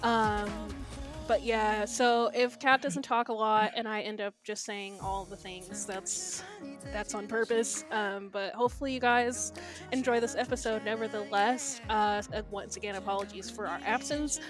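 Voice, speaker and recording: A woman's voice: medium pitch, steady tone, moderate pace, music in the background. A woman hosting a podcast in a casual, chatty style. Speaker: podcast host. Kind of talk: casual chat.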